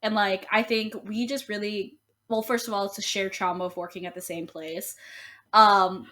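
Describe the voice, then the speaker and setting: A young woman in relaxed podcast conversation, filling her sentences with "like" and wandering through stories. She makes light of herself as she goes, in a voice of ordinary middle pitch for a woman. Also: moderate pace. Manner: chatty, rambling, heavy use of "like", self-deprecating. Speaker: podcast co-host. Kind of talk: casual chat.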